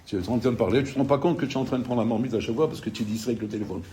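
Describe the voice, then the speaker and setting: A middle-aged man teaching a Torah class in French, mixing in Hebrew terms and telling stories with many restarts. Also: medium pitch. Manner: rapid, repetitive, animated storytelling with many restarts. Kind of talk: recorded Torah lecture with anecdotes.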